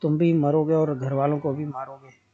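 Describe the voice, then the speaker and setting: A man voicing an angry, frightened wife scolding her husband in a sharp, reproachful manner. the voice is mellow and a little high, and the recording sounds dull and lo-fi. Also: flat delivery, moderate pace, lightly acted.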